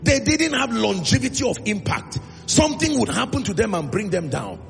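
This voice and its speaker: Nigerian man, preacher, sermon, high voice, gravelly edge, long hall echo. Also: big pitch swings. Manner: emphatic, call-and-response, drawn-out phrases. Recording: reverberant hall with music.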